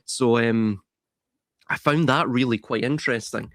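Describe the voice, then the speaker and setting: A man's voice: medium pitch, measured pace, a bit bright, no echo, clean studio sound. A man on a video call, a guest in a philosophical discussion, rambling and musing with many fillers and restarts.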